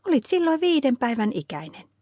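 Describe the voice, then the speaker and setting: A gentle, patient mother, as a woman reader puts her on, talking softly and soothingly. The voice sits a touch higher than the reader's usual, in a dry, close storybook recording. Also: very animated, no room sound.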